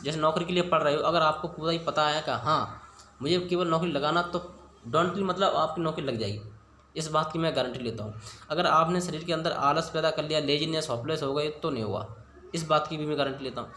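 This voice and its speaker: A man's voice: fairly high pitch, sharp tone, a little hiss or hum. A young man teaching exam memory tricks in a casual, chatty way, often asking the viewer questions and checking they follow. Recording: echoey room with faint ambience.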